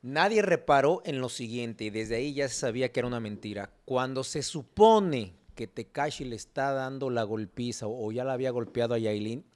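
A man's voice: mid-range voice, lively intonation, brisk, hardly any pauses, a little mellow. A man, hosting a gossip show, who lays out his point step by step and keeps checking that others understand. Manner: explanatory, insists on being understood. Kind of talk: entertainment gossip talk.

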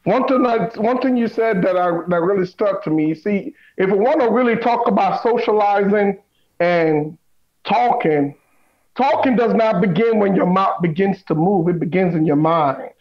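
High-voiced man preaching with slow emphasis. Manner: emphatic, repeats key lines slowly. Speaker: guest. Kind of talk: preachy conversation. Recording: dull lo-fi sound.

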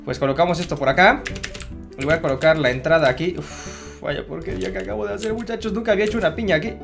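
A man's voice: sits high, quick pace, vocal fry, over music. Self-mocking man narrating a building game. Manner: self-mocking, chatty, addresses viewers as "muchachos". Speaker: Minecraft gamer. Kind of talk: casual gameplay commentary.

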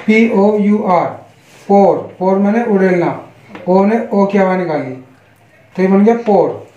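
Slow, high-voiced Indian English teacher. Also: male voice, warm tone. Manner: spells words letter by letter, then gives Hindi meanings; slow, deliberate, repetitive teaching. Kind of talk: online English pronunciation lesson. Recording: echoey, dull lo-fi room.

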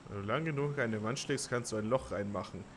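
A streamer with a medium-pitched male voice commentates his own online gameplay live and fast, sometimes muttering quietly, sometimes breaking into panicked shouting and swearing, and joking at his own expense. A little hiss or hum is audible.

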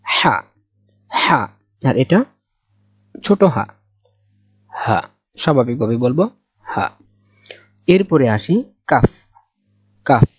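A Bangladeshi Bengali-accented man teaching Quran letters slowly and patiently, sounding out each letter several times for learners. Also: a little high, a little mellow, husky, no echo. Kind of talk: slow step-by-step letter lesson. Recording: dull dry close recording.

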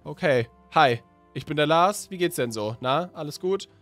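A man's voice: fairly high pitch, expressive, moderate pace, a bit bright, soft background music. A man playing himself in a Minecraft story, talking in a casual, slangy way and sounding confused and hesitant. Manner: slangy and casual, often asking what is going on. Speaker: YouTuber playing his own character in a Minecraft story. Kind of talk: role-played Minecraft story with casual chat.

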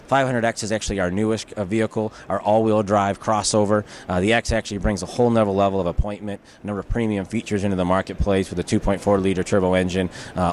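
A man's voice: deep voice, slight background noise. A man in his thirties, an upbeat brand representative giving salesy interview answers on a busy show floor. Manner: upbeat, salesy, uses "uh" fillers. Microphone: handheld mic held by interviewer.

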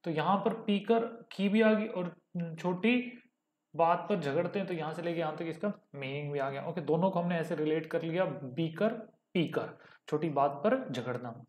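A man teaching English vocabulary with memory tricks, explaining step by step and slowly repeating key words. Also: a little high, echoey room.

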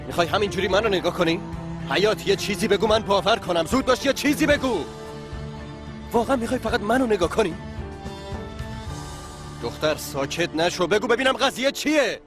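A man's voice: sits high, animated, pauses often, music in the background. A man dubbing a young husband who insistently demands answers from his wife. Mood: angry. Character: young husband, angry and suspicious. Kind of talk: TV drama dub.

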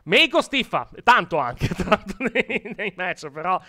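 A man's voice: sits high, big pitch swings, measured pace, sharp tone. A man co-hosting a casual live wrestling post-show chat, rambling and repeating words, often laughing, with an Italian accent.

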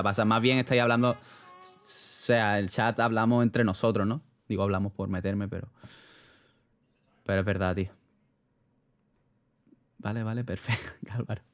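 Rambling young streamer man. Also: fairly low pitch. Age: young adult. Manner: rambling, slangy, laughs often. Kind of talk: casual chat reading live chat.

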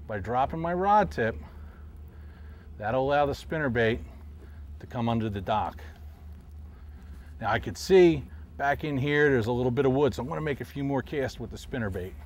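A middle-aged man, a professional angler, calmly explaining his technique while fishing from a boat on a river, recorded outdoors on a lapel mic. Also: medium pitch, normal speed, long pauses. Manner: calm, explanatory, talks while casting. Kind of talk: instructional fishing commentary. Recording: faint outdoor noise.

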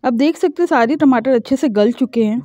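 A cooking channel host with a high voice walks through a home recipe in a step-by-step voice-over, calm and instructional as she explains each stage. She speaks briskly, with no echo, and the lo-fi recording sounds dull.

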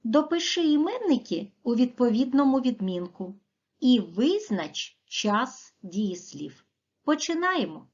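Woman primary teacher, measured and precise, rising and falling voice, muffled lo-fi recording. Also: a little high. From Ukraine. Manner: clear, slow and deliberate, stressing word endings. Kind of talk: recorded video lesson for children. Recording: dull, muffled lo-fi audio.

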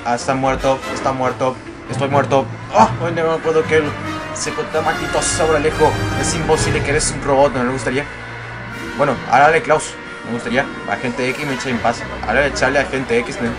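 A man playing a racing game and commenting playfully, yelping and shouting whenever he crashes. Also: mid-range voice, a little fast. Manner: excitable, yelps and shouts at crashes. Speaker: gameplay commentator. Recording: game music loud behind voice.

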